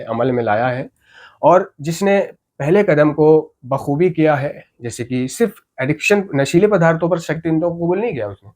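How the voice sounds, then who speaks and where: Male recovery speaker, slightly high-pitched, earnest and explanatory, casual teaching tone. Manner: earnest, explanatory, often adds tag questions. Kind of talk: informal spoken talk on recovery.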